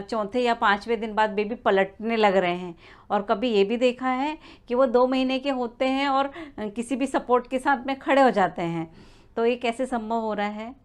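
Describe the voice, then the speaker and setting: A woman giving a spoken lesson to expecting mothers, explaining step by step with frequent "uh" fillers and small restarts. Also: on the high side. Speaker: prenatal learning coach.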